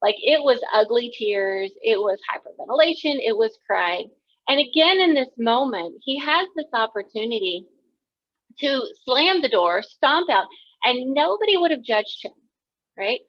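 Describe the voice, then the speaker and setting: A woman's voice: a little high, expressive, a little slow, dry recording. Woman in her thirties, candid speaker telling personal stories, dry close recording with a slightly dull sound. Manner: chatty and candid, many fillers, personal storytelling. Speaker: counselor giving a talk. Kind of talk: conversational presentation.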